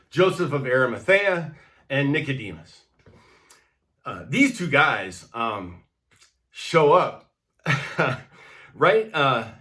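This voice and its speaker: A man's voice: mid-range voice, a bit bright. A man from the United States giving a conversational devotional sermon, emphatic and direct, often checking in with the listener. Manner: conversational, emphatic, with repeated tag questions. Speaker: pastor.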